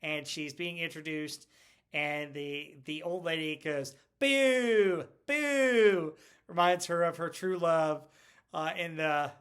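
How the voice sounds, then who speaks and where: A man's voice: on the high side, flat delivery, unhurried, a bit bright, clear, resonant tone. A middle-aged man hosting a casual pop culture video, chatty and rambling, laughing often as he talks. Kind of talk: casual movie retrospective talk.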